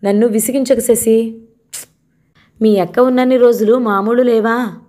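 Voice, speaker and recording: A woman's voice: a little high, steady tone, normal speed, mellow, close to an everyday voice. Woman reading a curt, grumbling young husband. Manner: curt, teasing.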